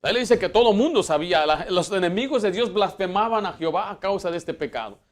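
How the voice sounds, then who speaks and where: A man's voice: sits high, animated, quick pace. Preaching man with a raised voice. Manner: emphatic preaching, rising for Bible quotes and dropping to hushed asides; fillers and restarts. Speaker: pastor. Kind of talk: sermon. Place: church.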